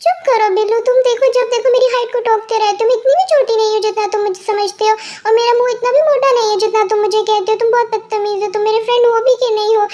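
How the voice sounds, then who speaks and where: A woman's voice: extremely high pitch, steady tone, fast, few pauses, mellow. A woman reading a storybook voices a sad, sulky young woman who pleads and protests.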